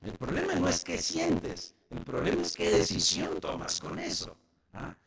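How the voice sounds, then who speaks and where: Guy preaching to the church, husky raspy voice, really animated delivery. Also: very high-pitched, a little slow. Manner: animated preaching, addressing the congregation directly. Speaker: pastor. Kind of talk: sermon.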